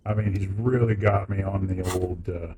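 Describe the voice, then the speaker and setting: A man's voice: sits low, fairly even intonation, normal speed, dark tone, slight background noise. A man streaming a video game live as a VTuber, reacting playfully with laughter and swearing. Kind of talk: live gameplay commentary.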